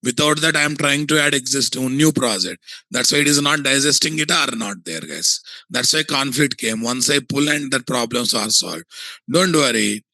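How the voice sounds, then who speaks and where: Telugu accent guy doing a software tutorial, bright voice, close dry sound, keeps quizzing as he goes. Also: mid-range voice, moderate pace, no echo. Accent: Telugu Indian English. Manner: asks and answers his own checking questions. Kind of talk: screen-recorded tutorial, thinking aloud.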